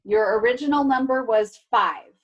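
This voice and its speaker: This is a remote video class where a teacher, a woman, reads a children's story aloud with instructive expressiveness, playful emphasis, and chatty asides to pupils. She has a fairly high pitch, speaks at normal speed, and the audio is lo-fi.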